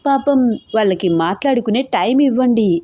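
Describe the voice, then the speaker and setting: A woman voicing a cheerful young woman who gently teases her friends in an audio story. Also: on the high side, fairly quick, no echo, natural voice. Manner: lighthearted, coaxing.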